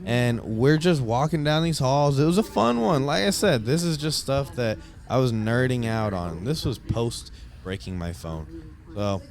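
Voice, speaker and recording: A man's voice: mid-range voice, animated, a little slow, darkish tone. A young man narrating his stadium tour video in a casual, enthusiastic, rambling way with lots of fillers. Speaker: vlogger giving a stadium tour.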